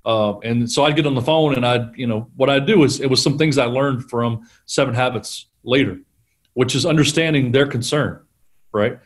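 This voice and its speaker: A middle-aged man, a guest on an interview show, telling animated stories about selling and laughing often. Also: mid-range voice, normal speed. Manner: animated storyteller, acts out quotes, laughs often. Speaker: guest, sales trainer. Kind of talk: conversational storytelling interview.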